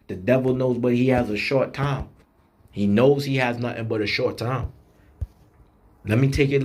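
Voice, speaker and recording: A man preaching an online sermon at a middle pitch. He talks bluntly in street-style speech and repeats phrases in a rhythm. He slows right down to read scripture with weight. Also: a little hiss or hum. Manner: slows down and reads scripture with emphasis.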